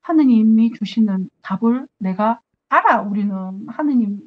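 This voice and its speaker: Earnest nun giving a spiritual talk. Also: female voice, on the high side, animated, a little slow, phone-quality sound. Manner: earnest, acts out her own prayers to God.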